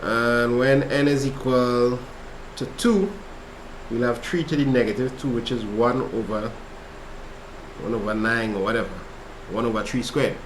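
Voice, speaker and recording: On a laid-back livestream study session, a Trinidadian-accented man works maths problems and chats with viewers between steps, reading their messages aloud. His medium-pitched voice moves at an unhurried pace. The audio is reverberant, with noise in the background.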